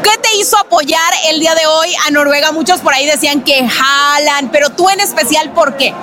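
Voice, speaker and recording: A woman's voice: high voice, brisk, pushed and bright, a little hiss or hum. A woman with a Mexican accent reporting from the street, asking upbeat questions. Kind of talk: on-the-street interview. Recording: street crowd behind.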